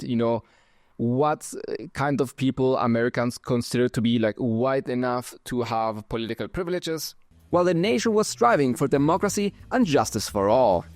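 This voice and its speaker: In a dry recording, a man with a mid-range, slightly mellow voice reads viewer comments on his channel. Born in Germany and brought up in Chile, he carries a German-Spanish accent and keeps things wry and conversational, chuckling occasionally.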